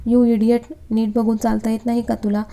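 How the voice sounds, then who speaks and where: A woman reading the lines of a haughty, spiteful young woman in a storybook love story, sharp and scornful. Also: fairly high pitch, monotone, moderate pace, natural voice. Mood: pleading, spiteful.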